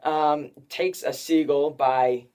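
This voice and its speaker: A man's voice: fairly high pitch, steady tone, slow, darkish tone, smooth. Young man, film review host, casual spoiler chat, rambling, lots of fillers. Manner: rambling, filler-heavy, says 'like' often.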